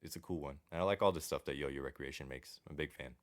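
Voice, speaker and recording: Man, extremely low pitch, podcast co-host, casual chat, laid-back delivery, brief agreeable phrases. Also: fast.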